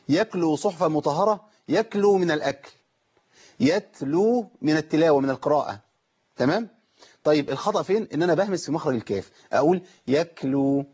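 A man's voice: on the high side, dark tone, breathy edge, dull audio. A man with an Egyptian accent giving a televised lesson on pronouncing Quranic letters, explaining step by step and quizzing his viewers. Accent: Egyptian Arabic. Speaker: Quran recitation teacher.

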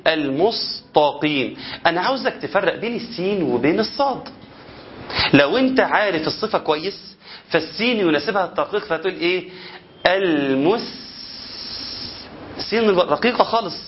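A man with an Egyptian accent teaches Quran recitation at a very quick pace, with a fairly high voice. He keeps asking rhetorical questions and demonstrates the sounds of the letters himself. The recording is dull and lo-fi, with faint noise behind it. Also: expressive. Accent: Egyptian Arabic. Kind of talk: spoken lesson on tajweed.

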